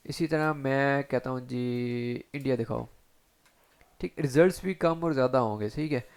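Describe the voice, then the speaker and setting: A man teaching SEO in a chatty screen-share tutorial, talking straight to viewers and filling pauses with short check-ins. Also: medium pitch, a little mellow, clear, resonant tone. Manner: chatty, addresses viewers directly with frequent fillers. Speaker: SEO instructor.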